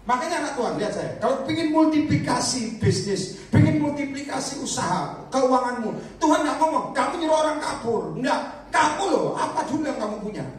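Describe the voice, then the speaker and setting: A man preaching a lively sermon, joking the congregation and acting out the voices of the people in his stories. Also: very high-pitched, brisk. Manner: animated, jokes and asks the crowd to raise hands; acts out voices of disciples and believers. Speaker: evangelist preacher. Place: church or prayer meeting hall. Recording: echoey hall, recorded from far off.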